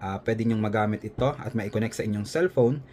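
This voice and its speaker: A man with a Filipino accent and a fairly low, darkish voice talks briskly, with slight background noise. He unboxes and reviews a product in a casual vlog style, explaining as he goes and often adding a short tag question to check in.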